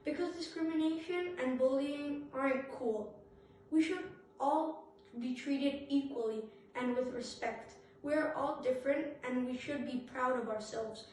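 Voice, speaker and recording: A woman's voice: sits high, a little mellow, a little hiss or hum. A young woman giving a prepared school speech, earnest and appealing to listeners. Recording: very echoey room, far from mic.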